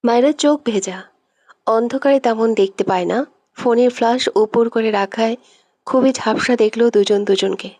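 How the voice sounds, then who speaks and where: A woman narrating a scripted audio love story in a steady, even reading voice. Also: fairly high pitch, moderate pace, dry recording.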